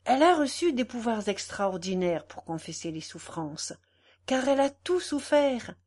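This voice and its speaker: A woman reading the lines of a gentle, devout old man in an audiobook, earnest and measured. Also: a little high, sing-song. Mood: solemn.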